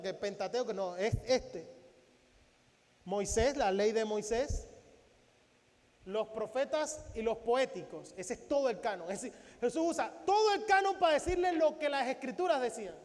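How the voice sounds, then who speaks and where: A man with a strikingly high voice preaches a Sunday sermon, his words ringing out in a church hall with a long reverb tail. He keeps the congregation engaged with rhetorical questions and acts out biblical dialogue as he goes. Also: darkish tone. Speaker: pastor. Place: church sanctuary.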